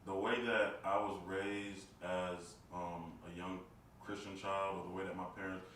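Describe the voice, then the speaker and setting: A man talking casually on a podcast, thinking aloud and halting with fillers. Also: deep voice, flat delivery, a bit bright, slight background noise. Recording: echoey room mic from far off.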